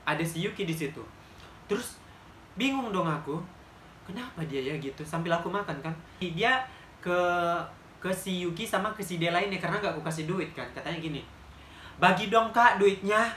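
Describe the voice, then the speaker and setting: A man with a Medan Indonesian accent telling a personal story in a blunt, animated vlog style. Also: high-pitched, reverberant, a little hiss or hum. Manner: animated, blunt, fast-talking, acts out quotes. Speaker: vlogger.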